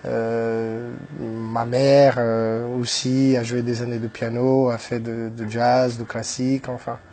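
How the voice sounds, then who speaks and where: Slow and flat, this mellow mid-range voice belongs to a Portuguese-speaking Brazilian man in his 30s recounting his life in French on the radio. As an entrepreneur guest, he hesitates constantly, restarting sentences and leaning on fillers.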